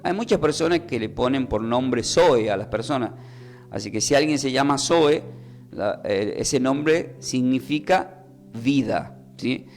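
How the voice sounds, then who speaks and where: Male preacher, mid-pitched, teacherly radio Bible lesson, faint music under the voice. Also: expressive, darkish tone. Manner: teacherly, asks and answers own questions; repeats words slowly when explaining.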